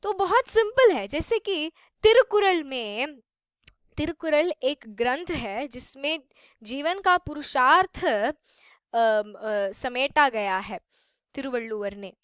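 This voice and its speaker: A woman's voice: high-pitched, animated, slow, dry recording, studio quality. A woman teaching a lesson, patiently repeating and rephrasing her points and mixing in English. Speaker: Sanskrit teacher. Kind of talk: explanatory lesson.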